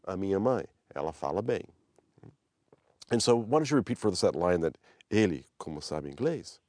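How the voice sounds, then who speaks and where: Guy teaching a language class, low voice, walks through example sentences and copies the intonation, dry recording. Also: lively intonation, moderate pace, darkish tone, no echo. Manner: demonstrates phrases by imitating intonation. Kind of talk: explanatory lesson talk.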